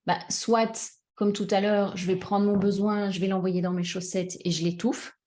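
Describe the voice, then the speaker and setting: A woman coach gives a talk on emotions to her audience, her voice sitting at a middle pitch. She talks with many fillers and restarts and pauses to check that listeners follow. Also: level tone, mellow. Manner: addresses audience directly, checks understanding. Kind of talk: conference talk, personal examples.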